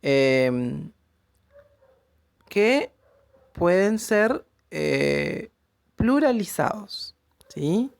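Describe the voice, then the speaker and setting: Slow, patient woman teaching English. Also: lowish voice, big pitch swings, no room sound. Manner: explains slowly, checks in with a questioning tag after each point. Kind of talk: recorded classroom lesson.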